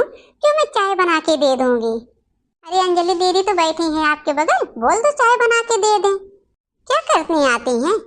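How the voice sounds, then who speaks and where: A sharp-tongued young daughter-in-law in a cartoon family story, talking in a very high, shrill and loud voice, as a woman acts her out. She scolds and snaps sarcastically at her in-laws, quarrelsome and stingy.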